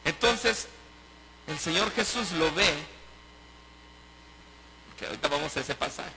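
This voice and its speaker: A man's voice: fairly high pitch, lively intonation, unhurried, rough recording. A man preaching a sermon as pastor, emphatic and full of rhetorical questions. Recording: preaching over loud music. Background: loud music.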